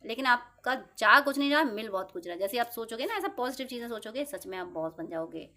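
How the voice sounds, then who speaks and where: A woman speaks in a high voice as a tarot reader. She gives a casual motivational talk, chatty and playful, and drops quick acted-out asides. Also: expressive, bright, forceful tone.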